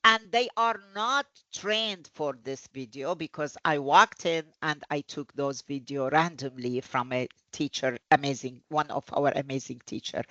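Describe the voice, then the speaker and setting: A woman who teaches Arabic presents classroom tips in a webinar, telling stories earnestly with animated hesitations. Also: rumbling low, dry recording, muffled recording.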